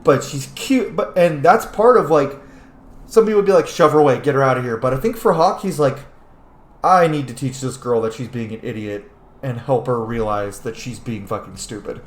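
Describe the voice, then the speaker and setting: A gaming channel host gives casual let's-play commentary, bluntly and emphatically airing his opinions with frequent swearing. His voice is medium-pitched at a moderate pace, and the sound is roomy.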